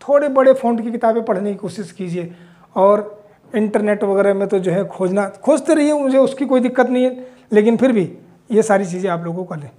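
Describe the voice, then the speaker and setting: Talking a little fast with a darkish tone in a voice that sits high, this man patiently explains Hindi spelling as he writes words for his class. English phrases creep into his explanations, and he keeps checking in with "theek."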